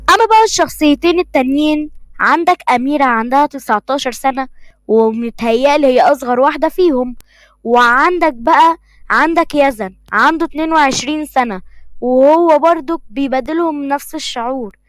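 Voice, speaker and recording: A woman's voice: high-pitched, a little fast, no echo. A woman with an Egyptian accent telling a story in a chatty, casual way, with asides to the listeners.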